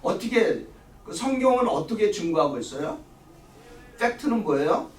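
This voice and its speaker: A man's voice: sits high, sing-song, moderate pace, a little hiss or hum. A middle-aged man leading a church Bible study, lecturing and firing questions at the class before answering them himself. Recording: echoey room, voice from a distance.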